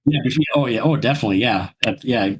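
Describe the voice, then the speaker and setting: A man co-hosting a podcast in casual chat, rambling and halting, with many restarts. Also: mid-range voice, darkish tone, breathy edge, poor audio. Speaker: podcast co-host.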